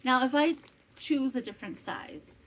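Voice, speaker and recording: High-pitched with big pitch swings and a moderate pace, a woman in her fifties from northwestern Wisconsin in the Midwest hosts a rambling, casual podcast chat at home, full of asides and self-corrections. The audio is poor, and a fan hums faintly in the summer heat.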